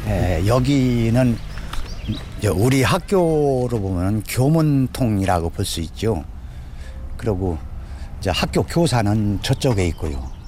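Older educator interviewee: man in his sixties, deep voice, unscripted talk. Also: sing-song, takes it slowly, a little mellow, slight background noise. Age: 60s.

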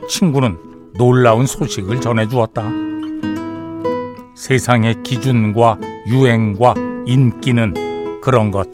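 Male radio DJ, easygoing; reads listener texts and chats; faint music under the voice. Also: medium pitch. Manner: relaxed banter, reads messages aloud and comments. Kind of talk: radio show, reading stories and listener messages. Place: radio studio.

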